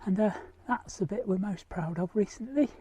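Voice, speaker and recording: Up on outdoor scaffolding, a house-renovation vlogger chats casually about the work while out of breath, with dry, self-deprecating humour. His voice is warm, sits high, and moves at normal speed.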